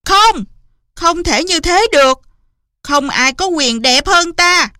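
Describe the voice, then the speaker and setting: A woman voicing a vain, jealous queen who shouts in haughty rage in a storybook reading. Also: very high-pitched, expressive, takes it slowly, dry recording, clean studio sound, pitched above the performer's own voice, exaggerated voice. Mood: furious. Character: vain, jealous adult queen, furious and proud.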